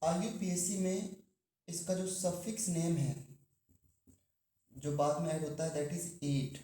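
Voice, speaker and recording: A man teaching chemistry to a class, asking the students questions and drawing out key terms slowly. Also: on the high side, dark tone, reverberant. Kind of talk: classroom lecture.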